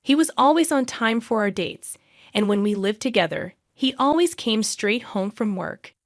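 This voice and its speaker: A woman reading a scripted first-person drama story in an even, measured way. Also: fairly high pitch, dry recording, studio quality.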